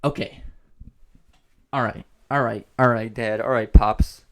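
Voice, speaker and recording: A man's voice: mid-range voice, fairly even intonation, measured pace. A man hosting a business vlog, talking casually to camera and repeating himself as he rambles. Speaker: host of a business channel.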